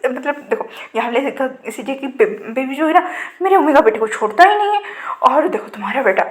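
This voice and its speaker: A woman voicing a stubborn young man from a fan-fiction storybook retelling; he protests quickly and insistently. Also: very high-pitched, expressive. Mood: excited.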